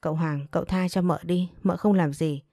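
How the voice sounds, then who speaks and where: Woman voicing a scared young maid begging for her mistress, low soft voice. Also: fairly even intonation, moderate pace, no echo, clean studio sound. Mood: pleading. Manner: pleading. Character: frightened young maidservant pleading.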